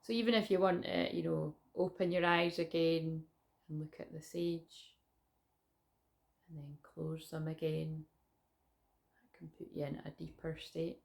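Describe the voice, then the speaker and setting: Hushed, creaky British woman guiding relaxation. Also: low-pitched, steady tone, a little slow, long pauses. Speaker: psychic tarot reader and online host.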